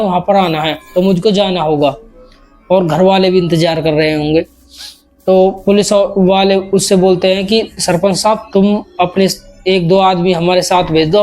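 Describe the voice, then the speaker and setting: A man's voice: high voice, darkish tone. A man casually retelling a horror story in his own words, with restarts and quoted dialogue.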